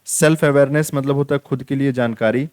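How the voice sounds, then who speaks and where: A man's voice: medium pitch, fairly even intonation, fairly quick, a little mellow, no echo, clean studio sound. A young man teaching an online exam-prep lesson, repeating key points and checking in with his students again and again. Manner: repetitive, drills points with "theek hai".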